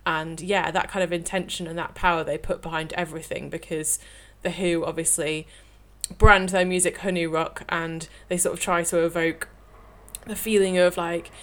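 Eager Northern English woman, low voice. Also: little pitch movement, normal speed. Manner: eager and gushing. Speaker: podcast co-host. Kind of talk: casual music review chat.

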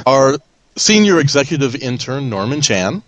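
A man hosting a casual podcast, a little hoarse as he gets over an illness. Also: medium pitch, sing-song, a little slow, a bit bright, low-quality recording. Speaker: podcast host. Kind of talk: casual hosted podcast chat.

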